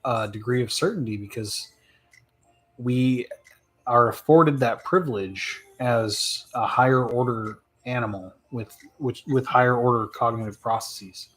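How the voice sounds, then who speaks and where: A man's voice: medium pitch, a little slow, a bit bright. Rambling, reflective man chatting live. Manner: rambling, reflective, with frequent laughs and fillers. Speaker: streamer answering viewer questions. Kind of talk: casual live chat. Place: home live stream.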